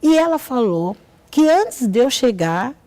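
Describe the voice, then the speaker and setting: A woman's voice: on the high side, sing-song, a little slow, darkish tone. A woman with a Brazilian Portuguese accent giving a personal testimony in a TV interview, telling her story and acting out the voices of others in it.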